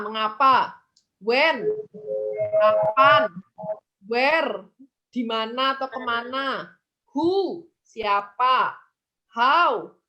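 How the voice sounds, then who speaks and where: A woman's voice: sits high, bright, forceful tone. A woman teacher giving an online English lesson, asking and answering imagined student questions herself.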